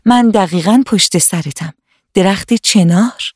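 A woman voicing a wise old magic tree with a sweet, calm voice, speaking slowly and kindly in a storybook reading. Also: mid-range voice, slightly rough, no room sound, studio quality, lightly acted. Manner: slow, soothing, kindly.

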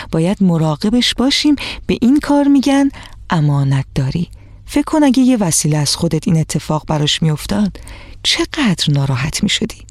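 A woman voicing a kind, patient mother gently teaching a lesson. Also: fairly low pitch, no echo, studio quality. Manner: gentle, instructive.

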